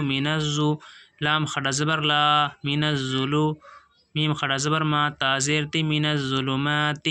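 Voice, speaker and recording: Man, Urdu accent, Quran teacher, bright voice, steady monotone, slow drawn-out recitation. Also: fairly high pitch, clear, resonant tone. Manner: slow drawn-out recitation between quick explanations. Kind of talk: spelling out and reciting Quran lesson.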